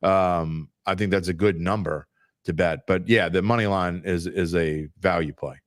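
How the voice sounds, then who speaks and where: A man's voice: low-pitched, steady tone, normal speed, no echo, clean studio sound. A man co-hosting a sports betting talk show, arguing his points bluntly and with emphasis. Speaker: sports betting podcast co-host. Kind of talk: casual sports betting debate.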